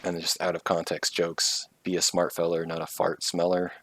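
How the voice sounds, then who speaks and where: A man's voice: low voice, monotone, moderate pace, a bit bright, a little hiss or hum. A man co-hosting a game review show, chatting casually and sarcastically, with lots of "like" fillers. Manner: sarcastic, fills with "like".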